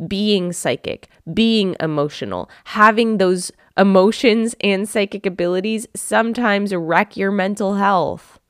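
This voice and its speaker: A woman's voice: medium pitch, measured pace, few pauses, clean tone, dry recording, studio quality. A woman hosting her own podcast, speaking earnestly and from the heart straight to her listeners. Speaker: podcast host. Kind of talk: reflective solo podcast talk.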